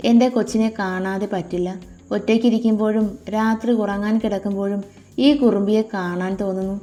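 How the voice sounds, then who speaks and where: A woman's voice: medium pitch, little pitch movement, a little fast, mellow, lightly acted. A woman voicing a sweet-talking young man who dotes on his fiancée, tender and coaxing.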